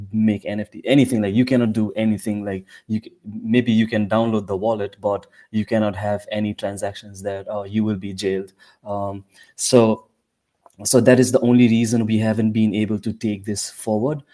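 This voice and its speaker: A man, from Nepal, explaining his points haltingly in a casual live audio chat. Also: fairly low pitch, dark tone.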